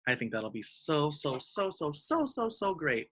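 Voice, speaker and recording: Animated sing-song teacher on a video call. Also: medium pitch, a little slow, slightly rough. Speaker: elementary school teacher. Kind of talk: online craft lesson for young children.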